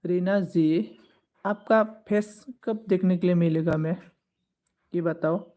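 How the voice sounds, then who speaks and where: A man's voice: high-pitched, slow, warm tone. A man with a Bodo accent, a native Bodo speaker, chatting casually on a livestream and teasingly greeting viewers by name. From Northeast India. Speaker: live streamer.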